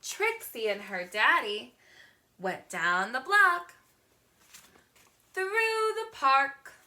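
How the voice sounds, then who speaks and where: A woman reading a picture book aloud to young children in an expressive teacher's manner, drawing words out. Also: sits high, extremely slow. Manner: expressive, asks the listener questions, gasps, draws words out.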